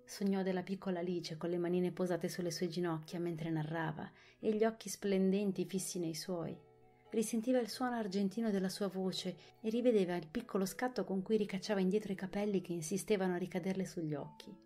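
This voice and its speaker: A woman narrating an audiobook of a children's classic, expressive and clear. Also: on the low side, a little fast, faint music behind.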